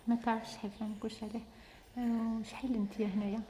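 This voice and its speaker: A woman's voice: a little high, level tone, rapid-fire, dark tone, slight background noise. A woman with an Algerian accent interviewing people, probing and repeating her questions to coax answers. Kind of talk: street-style interview, questioning.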